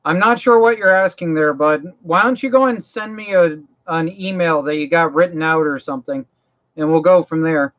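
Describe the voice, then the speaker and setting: Speaking at normal speed in a bright voice on the high side, a Maine man walks livestream viewers through mower repairs in casual live chat. He rambles folksily, repeats himself and restarts phrases, and his voice grows tired; the audio is dull and lo-fi.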